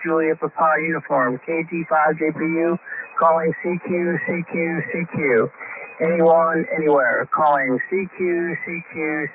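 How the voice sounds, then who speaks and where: Ham radio man calling out call signs. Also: a little high. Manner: calls out call signs in the phonetic alphabet, steady and measured. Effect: heard over a ham radio transmission. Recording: muffled radio audio with faint static.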